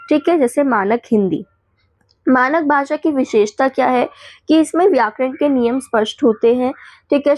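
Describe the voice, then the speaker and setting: Speaking in a fairly high but darkish voice, this teacher moves briskly through revision material for an exam, listing definitions and pausing to check on her class. There is no echo in the recording.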